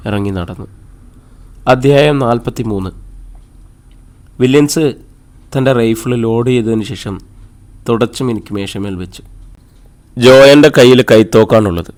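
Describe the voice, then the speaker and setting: Calm male audiobook narrator. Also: mid-range voice. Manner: calm, measured storytelling. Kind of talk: scripted narration.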